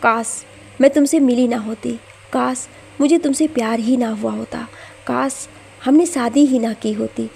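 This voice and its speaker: A woman's voice: a little high, unhurried, gravelly, dark tone, a little hiss or hum. A woman voicing a young wife who answers her husband in a hurt, indignant tone. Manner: tearful, indignant.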